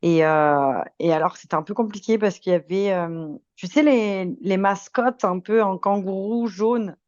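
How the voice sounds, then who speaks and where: This podcast guest is a woman in her twenties from France with a French accent showing a hint of Québécois, chatting good-humoredly and sharing anecdotes. She speaks at a measured pace in a medium-pitched, darkish voice, captured in a dry, muffled recording.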